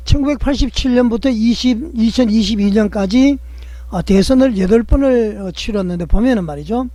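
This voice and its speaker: A man's voice: extremely high pitch, warm tone, no echo. A man hosting political commentary in a rhetorical style, putting questions to the audience and leaning on a stretched filler between phrases.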